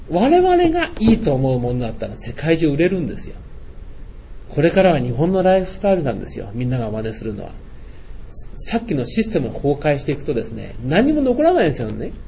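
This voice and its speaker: A man's voice: fairly high pitch, dark tone. An older man giving a blunt, scolding lecture-style talk. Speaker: speaker. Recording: dull lo-fi sound with faint noise.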